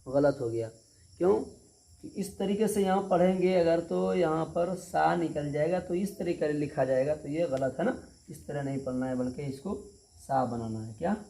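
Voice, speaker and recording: In a fairly high, gravelly and mellow voice, a man guides students through a Quran reading lesson one step at a time. He restates each point with patience, repeatedly asks if they understood, and stretches syllables slowly as he demonstrates.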